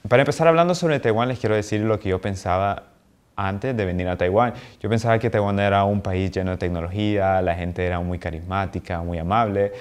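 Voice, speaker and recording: A young man, speaking in a slightly low voice. He gives an earnest, friendly student testimonial straight to camera, gesturing with his hands as he talks. He is recorded on a lapel mic in a small, bright office. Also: a little fast. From Honduras. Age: young adult. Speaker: international student.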